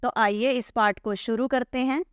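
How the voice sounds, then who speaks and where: A woman's voice: a little high, fairly even intonation, a little slow, clean tone, dry recording, studio quality. A woman teacher working through a textbook lesson, patiently asking questions and answering them herself. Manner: patient, asks and answers her own questions. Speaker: Hindi teacher.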